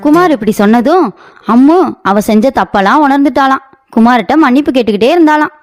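Lady reading out a cartoon story, quick and high. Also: animated, soft background music. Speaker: narrator. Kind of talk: storytelling narration.

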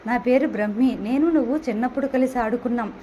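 A friendly young village man from an audio novel who asks easy, joking questions, as a woman reader puts him on. The voice sits a touch high for a man and is read plainly, close to the reader's own voice. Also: fast talker, warm tone, slight background noise, natural voice.

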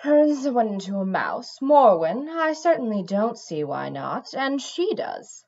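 A woman voicing a sly female cat who purrs softly in a bored tone, on a dull lo-fi recording. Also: medium pitch, huge pitch swings, a little slow, breathy edge, full character voice. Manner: bored, purring and soft.

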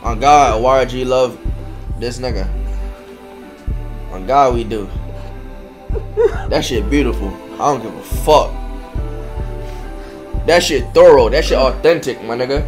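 A man's voice: medium pitch, unhurried, long pauses. A young man streaming his reaction to a rap album, talking casually with heavy slang and lots of repeated exclamations. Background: music playing.

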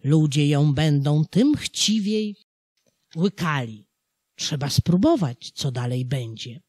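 A scheming, gleeful devil from an old folk tale coaxes and cajoles in a slow, breathy voice that jumps up high on his exclamations, as the narrator puts him on. The reading is close and dry, and the pitch moves a lot. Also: animated, no room sound. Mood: coaxing. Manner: coaxing, boisterous, loud high exclamations.

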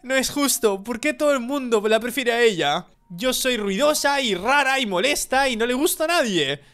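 A man voicing a loud, clingy, jealous teenage sister in a horror game, whiny and childishly taunting. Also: very high-pitched, very animated, moderate pace, soft background music, pitched above the performer's own voice, exaggerated voice. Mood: sulky.

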